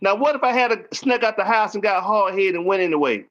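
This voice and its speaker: A man's voice: high-pitched, animated, fast, fairly bright tone. A man hosting a casual chat, telling stories in with a folksy manner and acting out quotes. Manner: storytelling, folksy, acts out quotes. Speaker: host. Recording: dull lo-fi audio.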